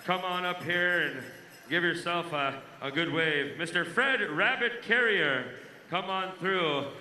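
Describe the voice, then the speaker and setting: A man working as a powwow emcee, announcing introductions and calling people up with drawn-out names. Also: high-pitched, bright, forceful tone. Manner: announcer-like, drawn-out names, honoring dancers and guests. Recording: echoey sound system, faint background noise.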